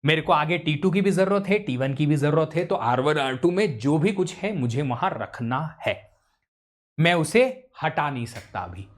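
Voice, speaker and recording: सवाल पूछता हुआ ऑनलाइन शिक्षक. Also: male voice, fairly high pitch, animated, normal speed. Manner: quizzes students, mixes English into Hindi. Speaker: teacher. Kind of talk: live online lecture.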